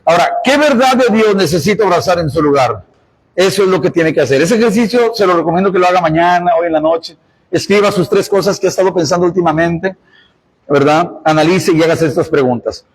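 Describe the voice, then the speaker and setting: A man's voice: sits high, a little fast, vocal fry, husky, low-quality recording. A male pastor, preaching a sermon and exhorting the congregation. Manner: preaching, with quoted voices and emphatic exhortations.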